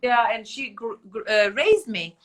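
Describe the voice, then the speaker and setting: A middle-aged woman from Turkey, speaking English with a Turkish accent, telling animated stories in casual podcast chat with slightly broken English. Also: fairly high pitch, a little slow, a crowd in the background. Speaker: podcast host.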